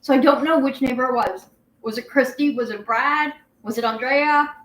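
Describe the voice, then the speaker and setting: A woman's voice: sits high, normal speed, a bit bright, slight background noise. A young adult woman hosting a casual home livestream, rambling as she reads viewer comments aloud. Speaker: guinea pig channel host. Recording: echoey room.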